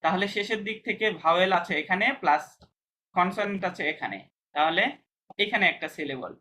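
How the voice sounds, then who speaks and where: A man's voice: high-pitched, lively intonation, a little fast, pushed and bright, a little hiss or hum. A man teaching a language class, patiently explaining pronunciation step by step and checking whether students understand.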